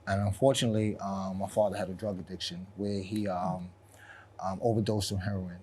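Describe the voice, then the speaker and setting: Low-pitched man in his forties from New York, measured and candid interview guest. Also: little pitch movement, slight background noise. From South Jamaica, Queens, New York. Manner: reflective, soft-spoken, frequent ums and repeats.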